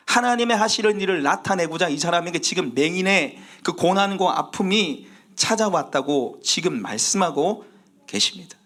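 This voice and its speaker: Animated male pastor preaching a sermon. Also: a little high. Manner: animated storytelling, acting out voices.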